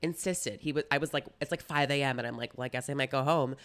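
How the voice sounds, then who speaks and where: A man's voice: mid-range voice, quick pace, fairly bright tone. Young man, sassy drag-queen type, dishing gossip casually with campy, theatrical flair and a mid-range voice. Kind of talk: casual gossipy storytelling chat.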